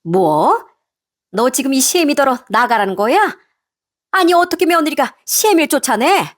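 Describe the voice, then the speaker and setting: A woman voicing a pushy, scolding mother-in-law in her sixties in a storybook tale, shrill and indignant. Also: sing-song, moderate pace. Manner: shrill, indignant, guilt-tripping. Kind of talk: storybook narration with acted voices.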